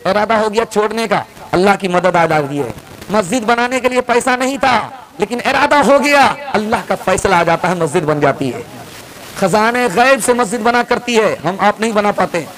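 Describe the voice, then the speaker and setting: A man's voice: high-pitched, poor audio. A man preaching a sermon at a mosque gathering, fervent and repetitive, calling the crowd to raise hands. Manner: fervent, repeats lines, sings verses slowly.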